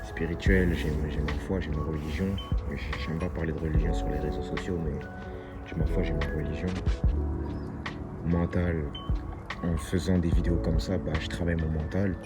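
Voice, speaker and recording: A man's voice: very deep voice, level tone, normal speed. A twenty-year-old man giving a casual motivational monologue as a vlogger, earnest and repeating his key phrases. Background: loud music.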